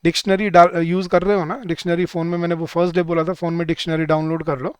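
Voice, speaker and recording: A man teaching a live online class for bank exam students, speaking Hindi, repeating each word slowly and drilling the rules, with words said. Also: on the high side, little pitch movement, clean tone, no room sound.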